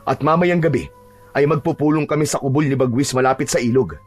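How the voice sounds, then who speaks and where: A man voicing a calm, steadfast village chieftain in a narrated horror audio drama, speaking in a measured, reassuring way. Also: medium pitch, soft background music, natural voice.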